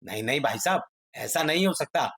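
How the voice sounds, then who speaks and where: A man's voice: on the high side, lively intonation, brisk, crowd noise. A man playing a placating, wheedling shopkeeper. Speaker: grocery shopkeeper. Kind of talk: Hindi family drama acting.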